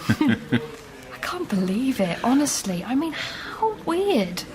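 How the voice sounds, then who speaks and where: This actress, speaking slowly with a fairly high voice and big pitch swings, plays a chatty thirty-something from Leeds and Bristol who now lives in London. The character is warm, rambling and quick to laugh, heard in a radio drama with noise behind it.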